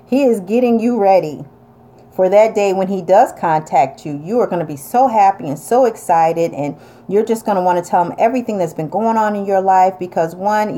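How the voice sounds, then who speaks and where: A woman's voice: lowish voice, warm tone. A woman with an upstate New York accent, chatting casually and bluntly as she reads and answers viewer comments. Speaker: vlogger reading viewer comments. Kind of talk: casual advice chat.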